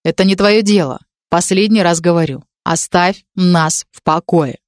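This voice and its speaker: A woman reading a story, voicing a serious, calm young male student who speaks in a measured way. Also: fairly low pitch, no room sound, clean studio sound, natural voice. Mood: stern. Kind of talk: audiobook character reading.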